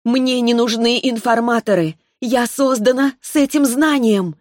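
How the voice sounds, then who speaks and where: A cold, vengeful spirit girl, voiced by a woman, speaks in a sweet, high, childlike voice, well above a normal woman's register. Her words come slow and clipped, like verdicts. The recording is dry and close. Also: a little mellow, no room sound, close to an everyday voice. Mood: cold, judging. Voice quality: sweet young voice. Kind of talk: audiobook character voice.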